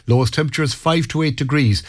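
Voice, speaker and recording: An Irish man presenting a radio weather forecast, a little halting as he reads. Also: on the high side.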